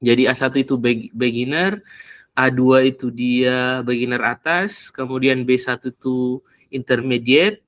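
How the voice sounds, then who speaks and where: Halting man, dry sound. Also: medium pitch, a bit bright, dry recording. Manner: halting, often pauses to search for words. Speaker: speaker explaining AI tools for learning English. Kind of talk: casual explanatory talk.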